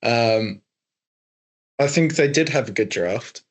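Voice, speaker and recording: A young man co-hosting a casual sports podcast, hesitant and quick to laugh. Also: mid-range voice, expressive. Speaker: co-host.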